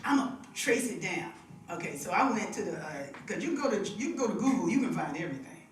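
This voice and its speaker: A woman with a fairly low, animated voice hosts a live devotional, chatting, laughing a lot and spinning out long stories in a casual spiritual talk. She's a devotional host and singer using a stage mic with monitor feedback in a music room. The recording is distant and echoey, with a little hiss or hum.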